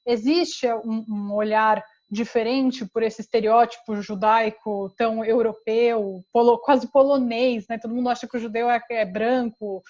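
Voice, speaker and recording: A woman's voice: on the high side, steady tone, a little slow, hardly any pauses, darkish tone. A woman hosting a podcast, asking her guests loosely phrased, inquisitive questions. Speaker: podcast host. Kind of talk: interviewing guests. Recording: dull lo-fi sound.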